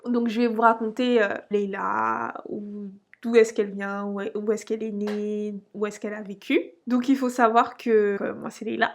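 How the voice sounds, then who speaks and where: A woman's voice: mid-range voice, flat delivery, normal speed, vocal fry. A young woman from Portugal telling her personal story to camera, hesitant and full of fillers and restarts. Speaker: finance vlogger.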